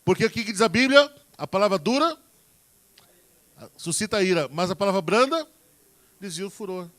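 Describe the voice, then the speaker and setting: A man's voice: sits high, animated, normal speed, a bit bright. Folksy preacher man. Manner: folksy and direct, addressing the congregation; acts out everyday examples in quoted voices. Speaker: preacher giving marriage advice. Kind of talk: sermon.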